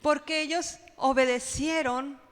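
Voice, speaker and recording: A woman's voice: high voice, steady tone, unhurried. A woman preaching a sermon in church, with dramatic cries when she quotes pleas and many rhetorical questions. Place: church sanctuary. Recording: long hall reverb.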